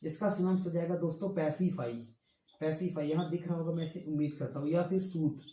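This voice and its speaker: A man's voice: fairly high pitch, steady tone, a little fast, dark tone, roomy sound, rough recording. A male English vocabulary teacher giving an online exam-prep lesson. He writes on a board as he talks, repeats each word and keeps calling the listeners "friends". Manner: talks while writing on a board.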